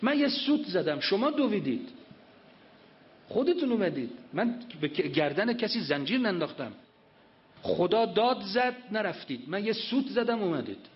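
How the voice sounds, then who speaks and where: A man's voice: high voice, big pitch swings, pitched above the performer's own voice. A man voicing Satan as a scornful male tempter who brushes off all blame, in a taunting, dismissive tone. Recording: dull lo-fi recording.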